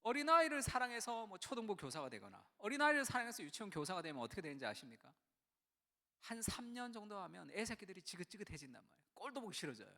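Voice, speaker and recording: A middle-aged male pastor delivering a sermon with lively storytelling. His voice sits high and rings bright, and it leaps up and down as he acts out the people he quotes. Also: fast talker, vocal fry, in a large hall. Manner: animated storytelling, acts out quoted voices, wide swings from hushed to loud. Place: church sanctuary.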